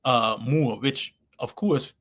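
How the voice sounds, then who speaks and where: A man's voice: mid-range voice, slow pace, fairly bright tone. A man from Bermuda with a Bermudian accent, an actor chatting as an interview guest and acting out bits of quoted dialogue as he tells stories. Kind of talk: casual conversational interview, anecdotal.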